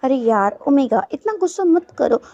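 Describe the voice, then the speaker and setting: A woman's voice: high-pitched, animated, normal speed, mellow, dry recording. A woman voicing a playful young man who pleads with and teases his angry lover. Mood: coaxing. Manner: pleading, teasing tone. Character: coaxing young man, playful boss's son. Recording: dull lo-fi dry recording.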